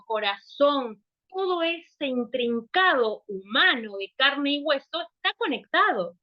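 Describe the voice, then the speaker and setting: Earnest high-voiced Rioplatense woman in her fifties. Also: muffled recording. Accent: Rioplatense Spanish. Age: 50s. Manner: earnest, explains step by step with rhetorical questions. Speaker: holistic wellness speaker. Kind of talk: explanatory vlog talk.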